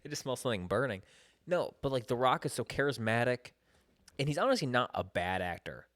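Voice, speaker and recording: A man's voice: mid-range voice, sing-song, brisk, a bit bright. A young man with a mid-range voice trades casual banter as a podcast co-host. He comes across blunt and skeptical, swearing offhandedly. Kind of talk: casual chat.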